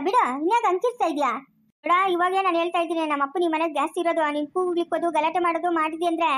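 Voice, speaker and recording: Woman, one-woman family quarrel drama, rapid and bickering. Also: very high voice. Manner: scolding, quarrelsome, switches between characters. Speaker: solo actor playing a whole family.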